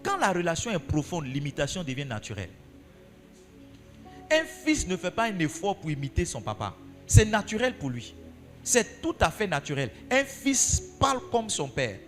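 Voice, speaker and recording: A man's voice: sits high, huge pitch swings, moderate pace, a bit bright, long reverb tail, soft background music. A male pastor preaching a sermon, asking his congregation questions and repeating key phrases for emphasis.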